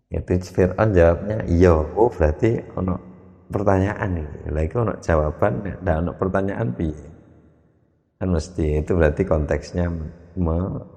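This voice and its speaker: A man with a Javanese accent teaches a relaxed religious lesson, musing aloud as he goes. His voice sits extremely low and has a gravelly edge. The sound carries a long, lingering reverb. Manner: thinking aloud, slipping into Javanese.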